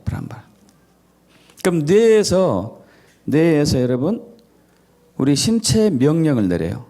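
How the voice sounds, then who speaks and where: A male pastor preaching a sermon who keeps asking the congregation questions and answering them himself, stacking up repeated phrases in lists. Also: fairly high pitch. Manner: acts out scolding and gentle parent voices; repetitive listing cadence.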